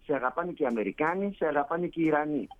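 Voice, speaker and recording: In a casual conversation as a guest, a man from Greece now living in Canada spins stories and voices the characters' quoted dialogue. His pitch is fairly high, and the sound is lo-fi.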